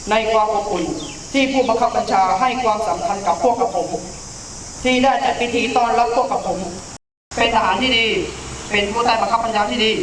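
Echoey distant recording, noisy crowd, young man, very high pitch, barked military oath. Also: a bit bright. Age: young adult. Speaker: new army recruit representative. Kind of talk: shouted formal military oath and address.

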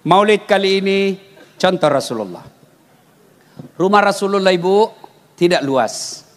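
A man from Makassar giving a humorous sermon, telling animated stories with jokes and loud exclamations. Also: high-pitched, unhurried. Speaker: preacher. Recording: long reverb in a hall.

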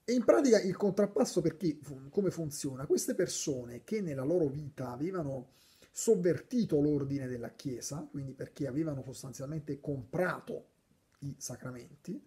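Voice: mid-range voice, lively intonation, normal speed, dark tone. A speaker casually explaining a poem, thinking aloud with frequent restarts and now and then reciting verses. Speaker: literature explainer.

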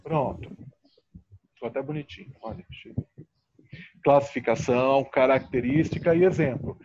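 This man speaks at a moderate pace in a mid-range, slightly dark voice while leading an online class. He's patient, stretching words out as he explains and frequently asking how the students are doing. Faint noise sits under a muffled, lo-fi recording.

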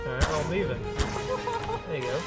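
A man's voice: fairly high pitch, brisk, loud music behind the voice. A man narrating a game role-play and commanding the other players, barking orders.

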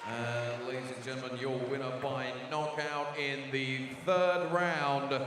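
Booming, pumped ring announcer man, echoing arena. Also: steady tone, a little slow, crowd noise, background noise. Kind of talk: live fight announcement. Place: large indoor fight arena. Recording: echoey arena PA from far off, music.

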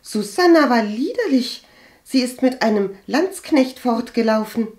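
A woman reading an audiobook and voicing a flustered, gossipy young cousin with a high, stammering, indignant voice. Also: expressive, a little slow, a little mellow. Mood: dismissive. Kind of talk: audiobook character voice.

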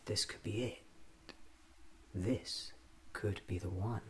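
A man in his thirties plays a curious, eccentric time-travelling doctor in an ASMR roleplay. The voice is on the low side and muses softly in short, very unhurried phrases. Clear background noise sits under the speech. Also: fairly even intonation. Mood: musing, pleased. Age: 30s. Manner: slow, deliberate, hesitant self-musing in short phrases. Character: quirky, curious time-travelling alien doctor choosing an outfit. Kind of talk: ASMR roleplay, soft-spoken musing to himself.

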